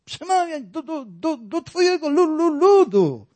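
A man's voice: very high-pitched, sing-song, unhurried, darkish tone, voice pushed up, exaggerated voice. A man voicing a timid male prophet who stammers and repeats his syllables as he pleads. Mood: pleading, timid.

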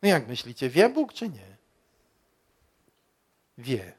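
A man preaching a sermon as pastor, slow and emphatic, asking the congregation questions and rising to loud peaks. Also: medium pitch, wildly swooping pitch, slightly rough.

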